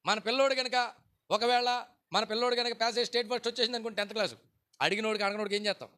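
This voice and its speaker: A male pastor with a coastal Andhra Telugu accent preaching at a fasting prayer meeting, firing rhetorical questions and repeating his points for emphasis. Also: very high voice, fairly even intonation, sharp tone, clean tone, no room sound. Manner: acts out quoted voices of churchgoers.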